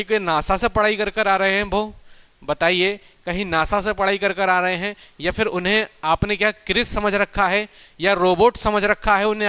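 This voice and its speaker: This exam coaching teacher speaks in a high-pitched, bright male voice that sounds smooth and echo-free. His informal pep talk to students is emphatic and colloquial. He keeps asking his own questions and then answering them.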